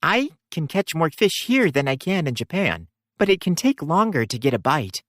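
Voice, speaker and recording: A woman's voice: sits low, very animated, normal speed, no echo, clean studio sound. A woman voicing an earnest young heroine who loves fishing and talks in a matter-of-fact way. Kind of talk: audiobook character voicing.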